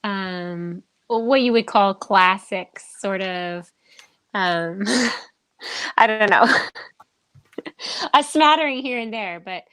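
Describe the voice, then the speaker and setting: A woman's voice: mid-range voice, slow, pauses often, fairly bright tone, clean tone, dry recording. Friendly, giggly woman in a dry room. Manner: friendly, giggles often, thoughtful. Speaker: guest co-host. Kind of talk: casual chat.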